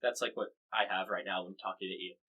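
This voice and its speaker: A man's voice: low voice, steady tone, fast talker, sharp tone, husky, rough recording. An American man hosting a podcast, covering the news in casual, wry chat full of fillers and restarts. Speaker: podcast host.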